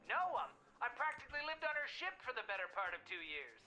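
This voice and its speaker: Bright, forceful wisecracking game character. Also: female voice, fairly high pitch, very animated, quick pace, faint music behind, rough recording. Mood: wry. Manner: wisecracking, dramatic.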